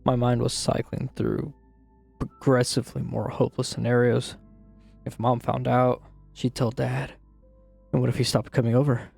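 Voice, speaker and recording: A gravelly, creaky, husky man narrates a first-person dramatized horror story, playing a troubled man confessing a grim childhood memory with guilt and bitterness. His medium, darkish voice barely moves in pitch, and he sounds anxious and guilty. He tells it in a brooding, deliberate, dramatic way over music.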